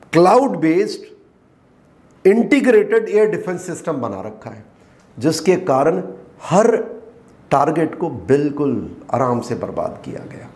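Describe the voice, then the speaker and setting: A middle-aged man, a retired army colonel, speaks as an interview guest with a fairly high voice. He argues emphatically and often turns to rhetorical questions, pressing each point hard. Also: a little mellow. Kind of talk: interview, explaining.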